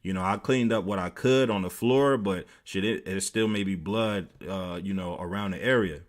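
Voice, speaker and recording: A man's voice: sits low, moderate pace. An American man streaming, loosely retelling a story with many fillers. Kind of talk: casual storytelling.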